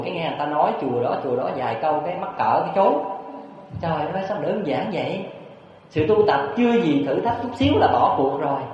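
A man preaching a Buddhist sermon, animated and storytelling, with frequent rhetorical questions to his listeners. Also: high-pitched. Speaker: Buddhist monk. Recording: echoey hall, dull lo-fi sound.

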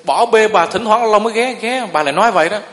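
A man's voice: sits high, quick pace, fairly bright tone. A man, a Buddhist monk giving a sermon in a folksy storytelling way and often asking the listeners if they agree. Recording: long reverb of a hall.

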